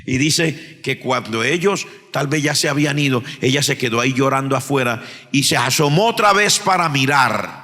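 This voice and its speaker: A Colombian man preaching as pastor of his church. He moves between hushed storytelling and shouted preaching. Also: mid-range voice, animated, normal speed. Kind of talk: sermon. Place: church sanctuary. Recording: reverberant church hall.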